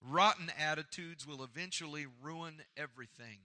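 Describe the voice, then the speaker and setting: A man preaching a motivational sermon with emphatic, repetitive oratory, swinging between loud and soft and calling on listeners to respond. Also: a little high, moderate pace. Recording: echoey hall with long reverb.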